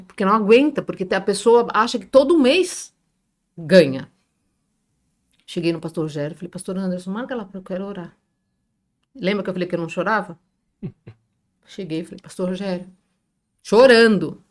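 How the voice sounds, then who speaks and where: A woman's voice: mid-range voice, normal speed, pauses often. A middle-aged woman with a São Paulo Brazilian accent, a business owner who is a guest on a podcast, telling emotional stories, joking and acting out quoted dialogue. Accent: Brazilian Portuguese, São Paulo area. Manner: animated, jokes and acts out quoted dialogue. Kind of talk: emotional storytelling in a podcast interview.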